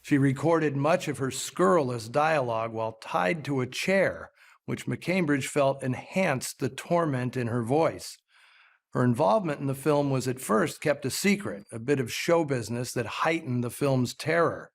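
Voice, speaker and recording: A man hosting a film program, delivering scripted commentary in a measured, articulate storytelling way. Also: mid-range voice, expressive. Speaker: film show host.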